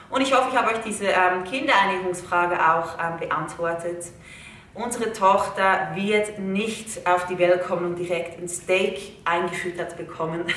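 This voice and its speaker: A young woman with a bright, forward voice explains things casually to her viewers, talking in a chatty, earnest way. She sounds a little low for a woman and sits some distance from the mic in a very echoey living room. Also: a little hiss or hum. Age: young adult. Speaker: video host. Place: living room indoors, seated in an armchair.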